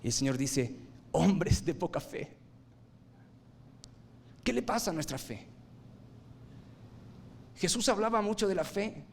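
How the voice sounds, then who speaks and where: A man preaching a sermon, swinging from loud emphatic bursts to low quiet lines and asking his listeners rhetorical questions. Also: lively intonation, slow, gravelly, pauses often, a little hiss or hum.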